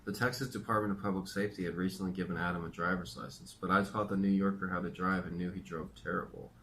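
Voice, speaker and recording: A man reading his own memoir aloud in a very low, deep voice. He tells the story in a dry, matter-of-fact way, with a faint hum of room noise behind him. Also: steady tone, quick pace, pushed and bright.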